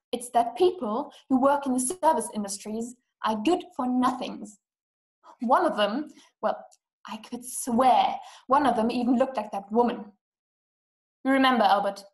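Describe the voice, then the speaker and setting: Through a webcam video call from a small indoor room, a young actress performs a radio-play adaptation as an anxious, demanding, self-pitying invalid wife, fretful, imperious and full of complaint. Her noticeably high voice, close to an everyday one, carries the roomy echo of laptop call sound.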